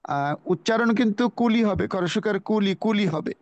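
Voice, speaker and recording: Man, high register, patient teacher of a religious lesson on a video call, repeats key points, dry close sound. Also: moderate pace, no room sound, lo-fi sound. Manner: explanatory, repeats key phrases, recites Arabic. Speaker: religious study speaker. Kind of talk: religious lesson on Quran pronunciation.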